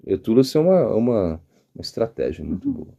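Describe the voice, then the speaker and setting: Animated Brazilian monk, mellow voice. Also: male voice, on the low side, brisk, creaky. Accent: Brazilian Portuguese. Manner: animated storytelling, acts out quotes, frequent restarts and stammers. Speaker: monk giving a spiritual talk. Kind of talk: informal devotional sermon.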